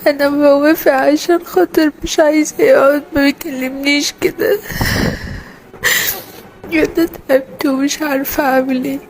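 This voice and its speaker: A young woman with an Egyptian accent telling her own story in a halting, distressed way, often repeating herself. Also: high voice, steady tone, darkish tone. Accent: Egyptian Arabic. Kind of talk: personal confession.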